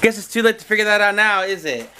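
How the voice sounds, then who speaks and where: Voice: medium pitch, animated, quick pace, a crowd in the background. A vlogger chatting casually and trading playful, argumentative banter. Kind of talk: casual vlog chat.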